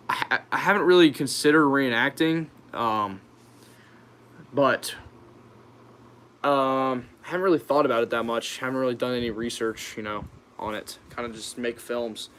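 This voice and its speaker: A man's voice: medium pitch, bright, forceful tone, slight background noise. Young american guy doing a laid-back stream q&a, kinda hesitant, reads questions then answers. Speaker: YouTube channel host. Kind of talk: casual livestream Q&A chat.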